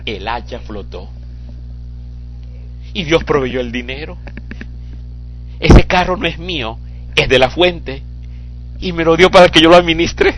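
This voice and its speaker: A man preaching a fiery sermon, swinging from hushed, almost whispered lines to tearful shouts. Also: medium pitch.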